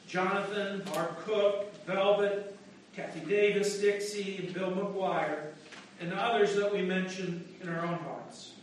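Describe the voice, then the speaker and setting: A pastor with a fairly high male voice intones prayers in a slow, solemn cadence. His words bloom into a huge cathedral echo, picked up by a mic set far from him. A faint hum of the room sits underneath. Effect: large church echo. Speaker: pastor leading worship. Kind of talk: liturgical prayer and chant. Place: large church sanctuary. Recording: echoey church heard from afar.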